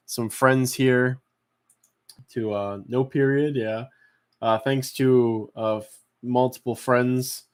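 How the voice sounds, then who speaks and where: A man with a mid-pitched voice hosts an online auction as a casual live stream. He rambles and halts, thinking aloud as he goes.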